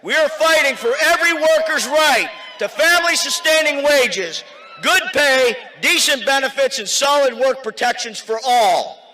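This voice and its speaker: A man speaking as a union member at a political rally, shouting emphatic, slogan-like lines. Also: very high voice, animated, normal speed, noisy background.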